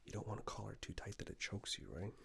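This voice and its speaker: This ASMR performer takes on the role of a chatty male tailor who flatters gently, keeping his tone steady. His delivery is whispered and breathy, mixed with a low creaky murmur, calm, reassuring and slightly hesitant.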